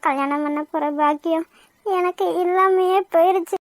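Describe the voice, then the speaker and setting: A woman's voice: very high-pitched, steady tone, normal speed, no room sound, studio quality, soft background music. A woman voicing a frightened young woman in a cartoon, crying and despairing. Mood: tearful. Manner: tearful, despairing. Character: young woman, rescued and tearful, fearful.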